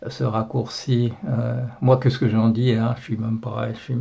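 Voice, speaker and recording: A man's voice: medium pitch, level tone, unhurried, vocal fry, mellow, slightly rough, dull audio. A Belgian man with a Belgian French accent, a blogger talking alone to camera in a rambling, indignant way with many fillers and repeats. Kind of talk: casual video monologue.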